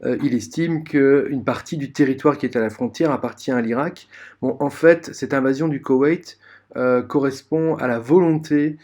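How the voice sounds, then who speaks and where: A man's voice: mid-range voice, moderate pace, a little mellow. A man teaching a recorded history lesson to his students, explaining step by step with many fillers and restarts. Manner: explanatory, addresses students directly.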